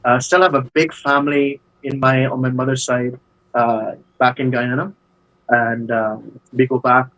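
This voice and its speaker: A Barbadian business owner tells his life story as a guest in a casual video-call interview, with many hesitations and fillers. His medium-pitched voice is fairly bright, flat in delivery, and measured in pace. The recording is rough.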